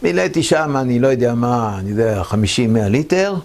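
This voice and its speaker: A man's voice: medium pitch, animated, a little mellow. A man in his seventies from Israel, a veteran telling his war memories in an interview. He tells the story vividly and acts out what others said. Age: 70s.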